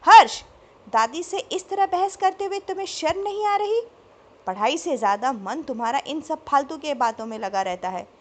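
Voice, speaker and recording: A woman voicing a strict, angry middle-aged father who shouts and scolds. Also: sits high, animated, normal speed, pitched above the performer's own voice.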